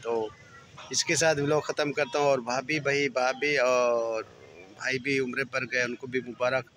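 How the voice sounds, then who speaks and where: A man's voice: medium pitch, little pitch movement, unhurried, a bit bright, a little hiss or hum. A middle-aged man, vlogging in a casual, scolding tone that keeps pressing each point with "theek hai?". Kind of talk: casual vlog monologue.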